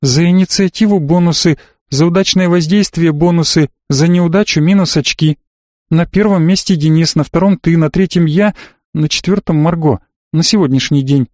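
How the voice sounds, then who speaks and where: A woman's voice: on the low side, moderate pace, a little mellow, no room sound, studio quality, close to an everyday voice. A man reading an audiobook, voicing a tough, defiant young woman who answers in scornful, clipped retorts.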